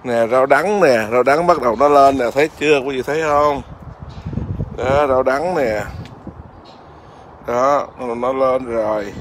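A man's voice: mid-range voice, a little slow, pauses often, a little hiss or hum. A man, a Buddhist monk, chatting casually outdoors in his garden and keeps asking his viewers whether they see. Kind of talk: casual home vlog.

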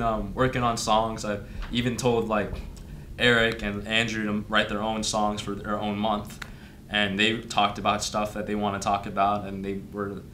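A man's voice: on the low side, sharp tone, a little hiss or hum. A young man, the band's singer and guitarist, answering interview questions earnestly and ramblingly. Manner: earnest, rambling with many "like" fillers.

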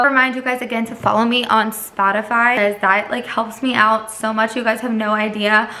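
A woman's voice: on the high side, a bit bright. A woman in her twenties, a student teacher, talking casually to her camera at home in an upbeat, chatty way, often saying "like". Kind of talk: casual vlog talk to camera.

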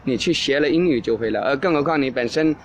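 A man's voice: mid-range voice, fast talker, slight background noise. Rambling male podcast host, many restarts. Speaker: English teacher and podcast host. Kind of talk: casual monologue answering listener questions.

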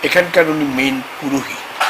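A man, a tantric astrologer, talking slowly and haltingly about faith at a temple, with sudden loud emphatic bursts. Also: medium pitch, background noise. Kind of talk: spoken religious talk to camera. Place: temple grounds, outdoors.

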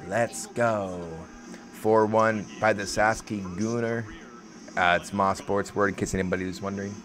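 A man hosting a hockey watch-along stream talks in a lowish voice, chatting casually with his viewers and calling out to them by name. He lurches from low mumbling to sudden yelling and swears freely. Music plays clearly behind him. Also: normal speed. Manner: excitable, swings between low mumbling and shouting. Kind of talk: casual live reaction chat.

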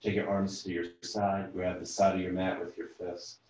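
A man leading a yoga class as instructor, calmly talking students step by step through breaths and stretches over a video call. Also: sits low. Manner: slow, calm step-by-step cueing of breath and movement. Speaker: yoga instructor and physical therapist. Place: room at home, teaching over video call. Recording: very echoey room, voice from far off the mic.

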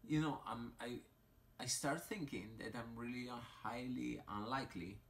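A man with an Italian accent, a little tipsy, rambling slowly with sighs and fillers as he opens crystals in a mobile game. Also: medium pitch, a bit bright. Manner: slow, sighing, rambling with many fillers. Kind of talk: casual commentary while opening game crystals.

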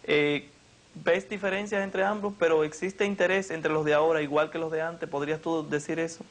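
A young man, hosting a TV interview. His voice sits a little high for a man, and he asks long, formal, winding questions in an elaborate style. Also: little pitch movement, normal speed, slight background noise. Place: living room.

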